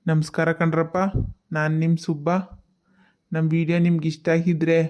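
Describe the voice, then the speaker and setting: A male channel host closes his video with a friendly, folksy farewell. His voice is high and flat, recorded with a dull, lo-fi sound. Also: normal speed. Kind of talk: video outro.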